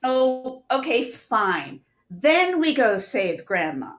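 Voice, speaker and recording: A woman playing a tabletop game in character over a video call, brisk and impatient. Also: a little high, sing-song, faint music behind. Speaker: player.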